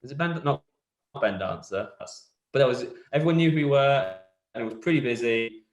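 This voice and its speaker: A man's voice: medium pitch, expressive, a little fast. A former bar worker, a man, speaking hesitantly and rambling over a video call from a converted garage. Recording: roomy video call audio.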